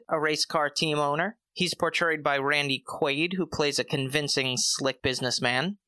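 A man's voice: a little high, pushed and bright, smooth, no room sound. A man hosting his own film review podcast, reading a script with chatty, joking asides.

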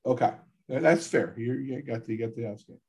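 A man with a stuffy, gravelly voice from allergies, hosting a casual sports podcast and informally rephrasing his points as he goes. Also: medium pitch, fairly quick, darkish tone. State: congested from allergies. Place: podcast studio.

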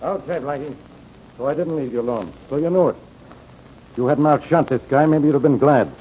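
An actor playing an exasperated, curt, grumbling police inspector in a 1940s radio drama. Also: male voice, fairly high pitch, a little fast, mellow, close to an everyday voice. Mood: grudging. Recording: muffled, noisy old radio recording.

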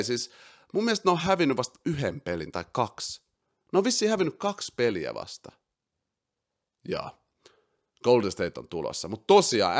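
A man hosting a casual podcast, excitable, swinging between loud outbursts and quiet asides, dropping English slang into his talk. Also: mid-range voice. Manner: mixes English slang into speech. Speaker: podcast host. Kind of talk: casual basketball chat.

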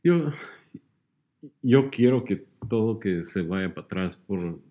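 A man's voice: on the low side, animated, slow pace, dark tone. A man hosting a casual interview, mostly giving short replies of agreement. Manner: brief encouraging backchannels. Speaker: host. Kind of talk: casual conversation.

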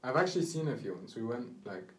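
A man's voice: medium pitch, big pitch swings, fast. A young man co-hosting a podcast, chatting casually and rambling with lots of fillers. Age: young adult. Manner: rambling, many fillers, laughs easily. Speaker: podcast co-host. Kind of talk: casual chat. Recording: roomy echo, far from mic, faint noise.

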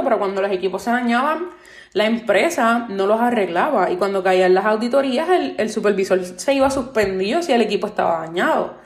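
This solo podcast monologue comes from its host, a woman in her twenties from Puerto Rico with a Puerto Rican Spanish accent and a fairly high pitch. Opinionated and earnest, she airs complaints about workplaces, peppering her talk with "este" and "pues." There's a roomy echo in the recording.

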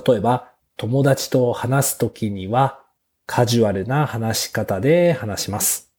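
A man hosting a beginners' Japanese lesson podcast, speaking slowly and simply with small fillers. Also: medium pitch, a little mellow. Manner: slow, clear teacher's delivery with fillers. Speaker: podcast host teaching Japanese.

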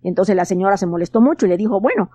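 A woman narrating a children's story in a gentle, expressive way. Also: mid-range voice, very fast.

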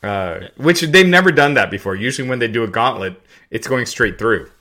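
A man in his forties with a mid-pitched, bright voice that jumps around a lot. He talks wrestling casually, excitable and quick to laugh. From Henderson, Kentucky. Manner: excitable, hums tunes, laughs. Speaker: podcast co-host.

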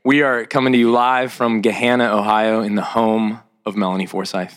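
A man's voice: lowish voice, level tone, normal speed. A man hosting a podcast from a home, playful and joking with his guest. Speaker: podcast co-host. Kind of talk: casual interview chat. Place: home, indoors.

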